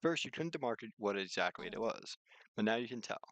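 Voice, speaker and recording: A man streaming a visual novel reads its narration aloud and adds casual commentary, sometimes stumbling over lines and rereading them. His voice is on the low side, expressive, a little fast and a bit bright, with no room sound.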